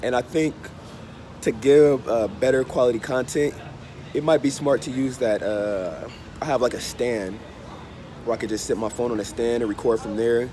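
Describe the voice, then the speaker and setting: Male vlogger, thirties, medium pitch, stuffy nose from a cold, halting casual chat, phone recording in a noisy open cafe. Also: dark tone. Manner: unhurried, halting, often repeating phrases. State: under the weather with a cold. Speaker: travel and language vlogger. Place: open-fronted hostel bar or cafe. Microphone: phone held at arm's length. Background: street and vehicle ambience.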